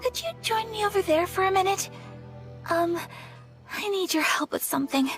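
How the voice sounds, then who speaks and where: A graceful young noblewoman from a video game, gentle and formal, pausing now and then as she speaks. Her voice sits fairly high. Game music is clearly heard behind her. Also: lively intonation. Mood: apologetic. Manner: gentle, formal, hesitant with small pauses.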